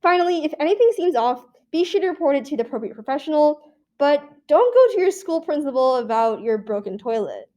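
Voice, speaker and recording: Mellow, high-voiced teen girl presenting. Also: sing-song, fairly quick. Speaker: student presenter. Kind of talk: reading a scripted class presentation.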